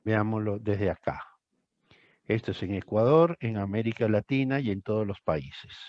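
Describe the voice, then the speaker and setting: A man's voice: fairly low pitch, animated, moderate pace, darkish tone, no room sound, highs cut off. An older man tutoring a student one on one, emphatic and repeating phrases for stress. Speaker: thesis tutor.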